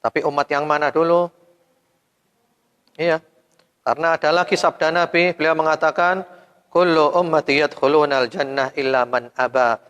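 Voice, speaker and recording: A male preacher giving a sermon to a women's study group, firing rhetorical questions at his audience, with sudden loud rises and soft, trailing endings. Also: a little high, steady tone, moderate pace, long pauses, clean tone. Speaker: Islamic preacher. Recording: long hall reverb.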